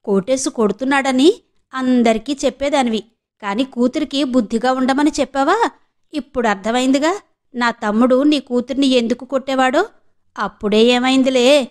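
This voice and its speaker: A woman's voice: high-pitched, natural voice. A woman voicing a scheming, spiteful middle-aged woman who taunts and gloats.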